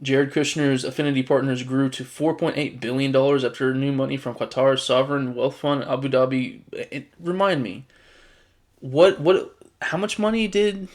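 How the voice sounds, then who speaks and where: A man's voice: medium pitch, fairly even intonation, normal speed. A man delivering a casual political commentary, reading news items one after another in a mid-range voice that sits right in the middle. He reacts to each with exasperated, sarcastic asides and keeps stumbling and restarting his sentences.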